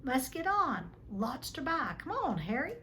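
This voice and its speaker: A woman reads the part of a huge, hearty storybook man with homely, rough speech and a friendly temper. The recording is faintly noisy. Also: high-pitched, very animated, unhurried, a bit bright, pitched above the performer's own voice, exaggerated voice.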